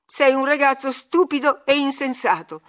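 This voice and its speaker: A woman reading an audiobook, voicing an angry, proud young woman who speaks sharply and loudly. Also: mid-range voice, fairly even intonation, moderate pace, close to an everyday voice. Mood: furious. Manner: sharp, indignant, loud.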